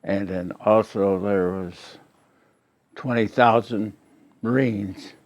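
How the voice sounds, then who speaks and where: An elderly American man, a war veteran, remembering his service aloud in halting, plainspoken, unscripted recollection. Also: lowish voice, steady tone, dry recording. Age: elderly, late 80s or older.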